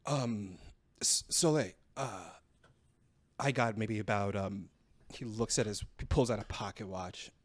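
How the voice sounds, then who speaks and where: A man playing a tabletop game, describing his character's actions in a halting way with many fillers. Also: on the low side. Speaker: player. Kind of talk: tabletop role-play narration.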